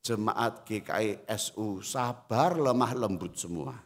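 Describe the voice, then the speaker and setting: A man preaching a sermon as a retired pastor. His carries a tinge, and he swings between loud exhortation and low, quiet storytelling. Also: measured pace. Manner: acts out voices in anecdotes. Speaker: pastor emeritus. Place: church hall. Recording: reverberant church hall.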